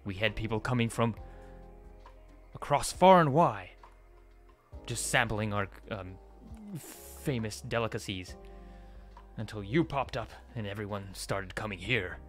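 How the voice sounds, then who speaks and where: A man voicing a bitter rival restaurateur with psionic powers, ranting loudly and indignantly. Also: lowish voice, measured pace, faint music behind, lightly acted.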